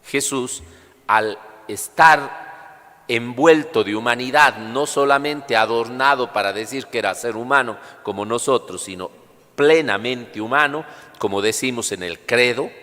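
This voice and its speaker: A male priest's voice rings through a long, cathedral-like church echo. His pitch sits in the middle as he proclaims and preaches at Mass. The delivery is solemn, deliberate and instructive. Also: pushed and bright. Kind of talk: liturgical proclamation and homily. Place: large reverberant church during livestreamed Mass.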